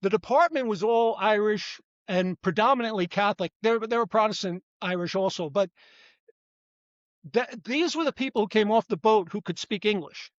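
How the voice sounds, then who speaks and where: High-voiced older man, rambling guest. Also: normal speed, no echo, dull audio. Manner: rambling, self-correcting, frequent restarts. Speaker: guest author, retired police detective. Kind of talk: conversational interview.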